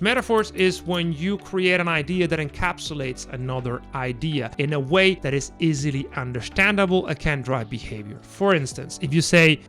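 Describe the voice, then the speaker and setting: A Spanish-accented man in his thirties gives a motivational talk with a slightly raised pitch. He leans hard on key words, then lets each phrase drop low and quiet at its end. Soft music runs faintly beneath his voice. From Spain. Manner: emphatic, drops pitch and volume at phrase ends. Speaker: founder and host.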